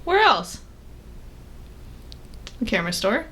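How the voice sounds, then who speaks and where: A woman's voice: fairly high pitch, big pitch swings, slow pace, bright, forceful tone, breathy edge. A woman, co-hosting a podcast in casual chat, talking in a loose, laughing way with lots of fillers. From Canada. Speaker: podcast co-host.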